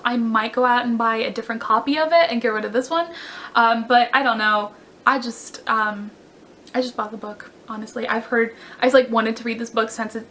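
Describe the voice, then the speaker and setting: A young woman talks through her book haul in a chatty, gushing way, often stopping to correct herself. Her voice sits high and sounds bright and clear. A faint hiss runs under the recording. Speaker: book vlogger. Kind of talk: casual book haul chat.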